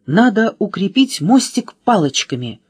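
A woman's voice: mid-range voice, big pitch swings, unhurried, slightly rough, no room sound, pitched above the performer's own voice. A woman voicing an eager, practical talking letter in a children's storybook, close to her own voice.

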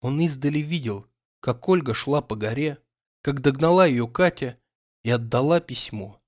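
A man's voice: mid-range voice, moderate pace, lo-fi sound. Man narrating a classic novel. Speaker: audiobook reader. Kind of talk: literary audiobook narration.

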